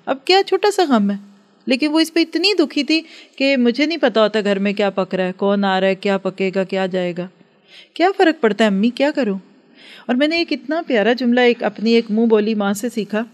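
A woman giving an earnest religious lecture to a class, advising and acting out everyday dialogues. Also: a little high. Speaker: religious teacher.

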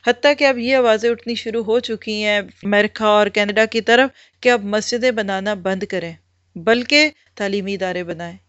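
A woman's voice: mid-range voice, normal speed, fairly bright tone, clear, resonant tone, no room sound. A woman giving an Islamic religious lecture, explaining step by step and posing rhetorical questions that she answers herself. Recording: muffled lo-fi recording.

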